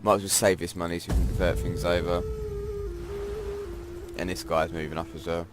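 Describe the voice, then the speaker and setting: Man, very low voice, bunged-up nose, relaxed strategy game commentary, music in the background. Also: brisk. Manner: relaxed, thinking aloud while planning moves. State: congested, stuffy nose. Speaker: gameplay commentator. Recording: game music playing behind.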